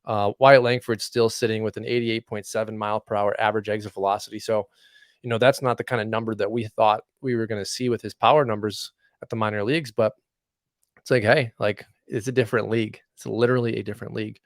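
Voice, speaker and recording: A man's voice: lowish voice, fairly even intonation, quick pace, dry recording, studio quality. A man co-hosting a casual fantasy baseball podcast, talking in a loose, rambling way with many fillers. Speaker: podcast co-host.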